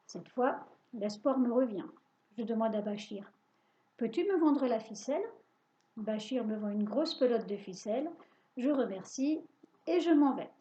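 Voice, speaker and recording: A woman telling a children's story in the first person, lively and expressive, on a dull lo-fi recording. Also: on the high side, normal speed.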